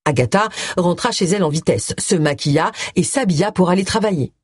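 Woman audiobook narrator, low voice, husky, animated pitch, dry close sound. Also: a little fast, dry recording. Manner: expressive storytelling. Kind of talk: scripted narration.

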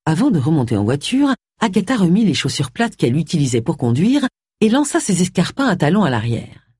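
A woman reads a novel aloud with expressive narration. Her voice is fairly low and slightly husky, with wide, lively swings of pitch. The recording is dry and close. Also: a little fast, no room sound. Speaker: audiobook narrator. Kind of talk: scripted narration.

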